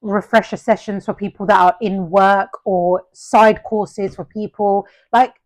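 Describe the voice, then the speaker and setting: A woman co-hosts a relaxed podcast, laying out her views earnestly in long, winding sentences. Her voice sits at an ordinary middle pitch. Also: unhurried. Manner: earnest and explanatory, speaks in long run-on points. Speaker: podcast co-host. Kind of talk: casual chat.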